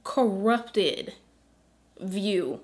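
A woman speaks slowly and earnestly in a faith vlog, her voice at an ordinary middle pitch. She pleads and fights back tears, often sinking into a soft, shaky whisper. The talk is unhurried and heartfelt. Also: lively intonation. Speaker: beauty influencer.

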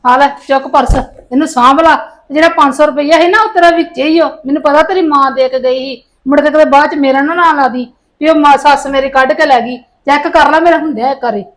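ਸਖ਼ਤ ਸੱਸ, ਔਰਤ ਵੱਲੋਂ, ਹੁਕਮ ਦਿੰਦੀ, ਉੱਚੀ ਆਵਾਜ਼. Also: female voice, high-pitched, brisk, lightly acted. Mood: scolding. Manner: scolding, commanding. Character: stern mother-in-law of the house.

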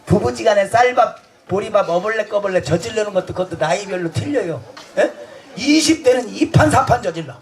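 Brief: high-pitched man, loud bawdy stage comic working the crowd, laughs through his lines. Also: lively intonation, brisk. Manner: boisterous, bantering with the audience, crude jokes. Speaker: street comedy performer. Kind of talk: festival stage comedy show.

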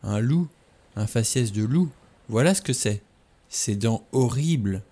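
A man reading a novel aloud, voicing a calm, determined young woman in a quiet tone. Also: medium pitch, unhurried.

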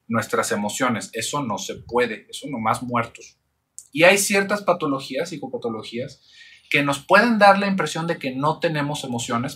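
A man's voice: mid-range voice, pushed and bright, husky. A man hosts a psychology channel. He gives a thoughtful explanatory monologue full of rhetorical questions.

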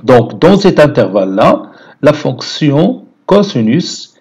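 A man's voice: mid-range voice, sing-song, slow pace, a little mellow, husky. A man with a Moroccan accent teaching math, explaining a graph step by step and mixing French with Moroccan Arabic. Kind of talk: lecture.

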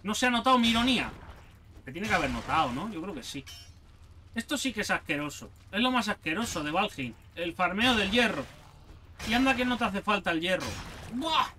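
A man giving casual gameplay commentary, excitable and sarcastic, swearing often. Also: high voice, fairly quick, a little hiss or hum. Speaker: gaming youtuber.

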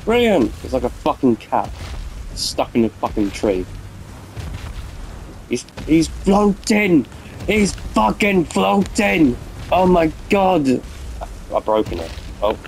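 Young male gamer, gravelly voice, slow delivery, constant swearing and rage. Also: a little high, very animated, a little mellow, slight background noise, low-quality recording. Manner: swears constantly, rages at the game. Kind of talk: let's play commentary.

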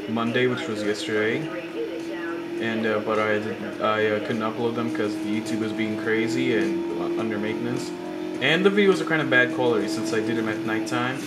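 Brisk and fairly even in intonation, a medium-pitched male voice delivers casual let's-play commentary. The young gaming channel host has a slight cold and sore throat and rambles with many fillers and restarts. Loud game music and engine sounds fill the roomy-sounding recording.

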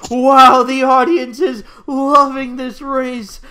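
An amateur reader narrating a fan-fiction story, reading haltingly and with slips. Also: high-pitched, little pitch movement, sharp tone.

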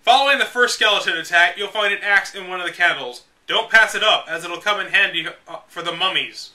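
With a high, very sharp and forceful voice, this man hosts a read-aloud of a game guide, performing the text dramatically before slipping into casual, mocking, exasperated commentary. His delivery is brisk and sarcastic. He sounds set well back, far from the mic.

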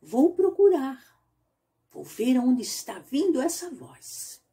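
A sweet, eager little duckling boy, put on by a woman storyteller who speaks in a very high, childlike and pleading voice for a storybook tale. His pitch leaps around eagerly, yet the voice stays soft and mellow. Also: big pitch swings, slow, heavily acted. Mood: longing.

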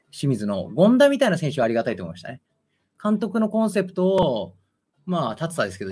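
A man talking casually about football as a show host, fast and animated, rambling with many fillers. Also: on the high side. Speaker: football commentator and amateur coach. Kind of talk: casual talk-show chat.

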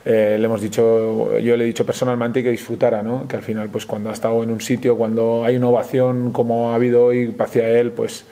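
Calm, low-key Spanish coach, mellow tone. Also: male voice. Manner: measured, frequent hesitations and restarts. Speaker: basketball coach. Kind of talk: post-game press conference.

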